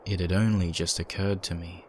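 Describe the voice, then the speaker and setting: Reading a scripted story aloud like a dramatic audiobook narrator, this man speaks at normal speed in a low-sitting voice. Steady ambient noise runs through the recording.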